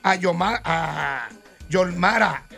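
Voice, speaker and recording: A Puerto Rican man hosts a radio talk show, trading gossip with his co-hosts. His voice sits high and has a gravelly edge. Faint music plays behind him. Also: slow pace. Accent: Puerto Rican Spanish. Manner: animated, teasing, breaks into laughter.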